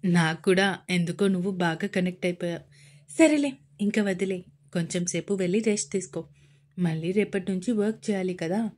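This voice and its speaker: A woman voicing a caring, playful young wife who coaxes gently in a romance story. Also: on the low side, normal speed, natural voice. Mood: gentle.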